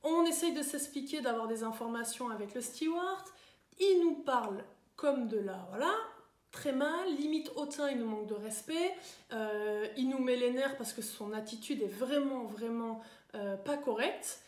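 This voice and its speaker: A woman's voice: a little high, animated, normal speed, a little mellow. Chatty woman coach in echoey room. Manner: chatty, with many fillers and tag questions. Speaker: coach giving self-improvement advice. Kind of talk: live talk to viewers.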